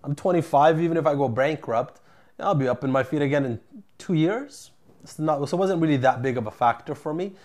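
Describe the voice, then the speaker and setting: A man in his thirties from Canada, a company founder answering interview questions in a calm, plainspoken way. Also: on the high side, a little fast. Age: 30s.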